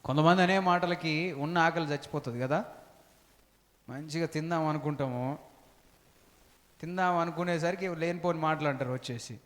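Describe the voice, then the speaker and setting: A man's voice: on the high side, moderate pace, pauses often. A male pastor preaching a sermon, repeating his phrases and calling out hallelujah. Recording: long hall reverb.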